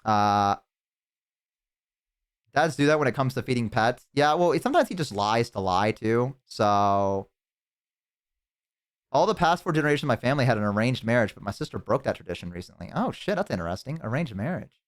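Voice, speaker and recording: A young man chatting casually on a live stream, telling rambling, profane stories to his chat and slipping into animated impressions. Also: mid-range voice, fairly quick, pauses often. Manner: talks to chat.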